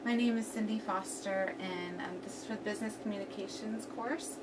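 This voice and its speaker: A woman's voice: mid-range voice, fairly even intonation, a little fast. Young woman doing a student presentation, mouth sounds kinda half numb, mic far away, noisy room. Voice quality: slightly numb-mouthed speech from half-paralyzed face. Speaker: student giving a class presentation. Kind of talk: prepared classroom presentation. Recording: distant mic, clearly noisy room recording.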